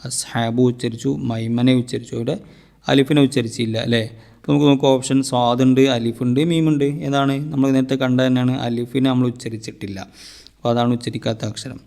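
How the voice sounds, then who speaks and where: A male madrasa teacher with a Kerala Malayalam accent, talking students through test answers one by one. He poses each question, then answers it himself, and counts letters out slowly. His voice sits at an ordinary middle pitch. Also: level tone, gravelly. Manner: patient, asks and answers his own questions; ends sentences with soft "tto" tag. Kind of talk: exam answer walkthrough.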